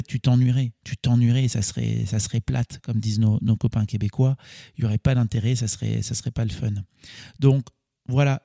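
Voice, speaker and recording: A man's voice: mid-range voice, gravelly, mellow, no room sound, clean studio sound. A man hosting a solo coaching podcast, explaining in a casual, chatty way and correcting himself with small laughs. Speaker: podcast host.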